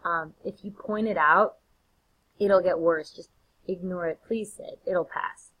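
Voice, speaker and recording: A woman's voice: fairly low pitch, fairly even intonation, unhurried, a bit bright, low-quality recording. A woman voicing a flustered noblewoman who pleads with her dinner guests to stay and excuses her husband. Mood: pleading.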